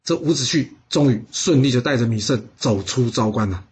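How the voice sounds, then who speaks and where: A man telling a history story casually, with drawn-out particles and asides to listeners. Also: mid-range voice, lively intonation, darkish tone.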